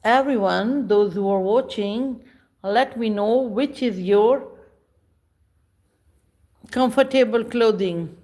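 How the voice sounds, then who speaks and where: A woman, chatting casually with viewers on a livestream in slow, halting speech with many pauses. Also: fairly high pitch, dark tone. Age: 50s. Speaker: livestream host. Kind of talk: casual live chat with viewers.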